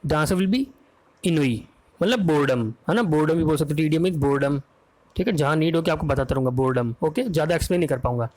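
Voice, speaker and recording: A man with an Indian accent teaching English vocabulary for an exam, talking fast in a quiz style and often checking that students follow. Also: on the high side, darkish tone. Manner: fast, drills answers with repeated "है ना?" checks.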